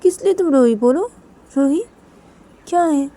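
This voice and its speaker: A woman's voice: medium pitch, unhurried, mellow. A woman voicing an anxious young woman who keeps coaxing her crying partner with repeated questions. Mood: pleading.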